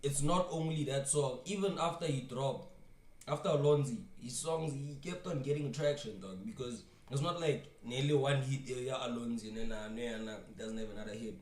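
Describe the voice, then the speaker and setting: A South African reaction streamer with a mid-range, brisk, slightly mellow voice comments casually, rambling, repeating words and mixing in local slang. He's recorded far from the mic in an echoey room.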